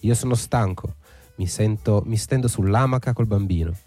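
A man's voice: fairly low pitch, moderate pace, dark tone, faint music behind, lightly acted. Man doing a rude shapeshifting jaguar, brusque and impatient. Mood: gruff. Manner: gruff, impatient.

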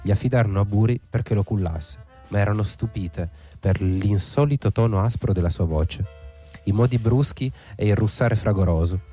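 Dark-voiced male storyteller, faint music. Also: on the low side, moderate pace. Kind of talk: folk tale reading. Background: faint instrumental music.

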